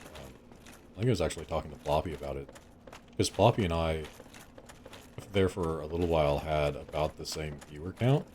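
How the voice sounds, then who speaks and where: A man's voice: rumbling low, a little fast, long pauses, a little mellow, a little hiss or hum. A man streaming a game live, chatting with his viewers in a rambling, joking way over game music. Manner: rambling, chatty with chat, jokey. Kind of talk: live gameplay commentary.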